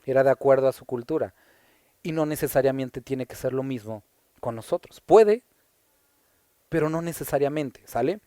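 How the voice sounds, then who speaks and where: A man's voice: mid-range voice, moderate pace, long pauses, warm tone, no echo, studio quality. A man from Mexico with a Puebla accent, a pastor teaching the Bible verse by verse in a conversational style, stopping to ask rhetorical questions. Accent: Puebla Mexican Spanish.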